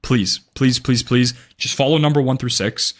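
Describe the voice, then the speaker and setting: A man's voice: medium pitch, moderate pace. Young man, blunt and emphatic, swears a lot, trading advice vlog, keeps asking "right?". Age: young adult. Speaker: day trading vlogger. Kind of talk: direct-to-camera advice talk.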